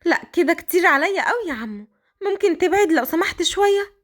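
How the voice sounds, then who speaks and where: A woman with an Egyptian accent voicing a timid young orphan girl who pleads in a quick, anxious way. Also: extremely high pitch, lively intonation, pitched above the performer's own voice. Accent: Egyptian Arabic.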